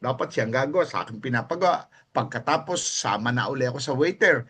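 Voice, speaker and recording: A man's voice: medium pitch, quick pace, breathy edge. A man with a Filipino accent preaching a sermon, telling his stories with animation and slipping in English phrases. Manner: animated storytelling, mixing in English phrases, chuckling at his own anecdotes. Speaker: pastor.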